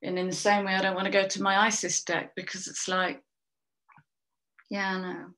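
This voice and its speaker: A woman doing a spiritual tarot card reading, talking slowly and musingly, trailing off and starting over, with little laughs between thoughts. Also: mid-range voice, flat delivery, sharp tone. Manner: slow, musing, trails off and restarts. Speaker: tarot reader and soul coach.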